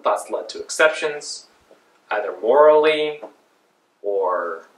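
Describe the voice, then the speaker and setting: Taking it slowly, a medium-pitched man in his forties preaches from a pulpit in a small church. He's a pastor, relaxed and conversational, animated with hand gestures. The far camera mic captures a roomy church echo.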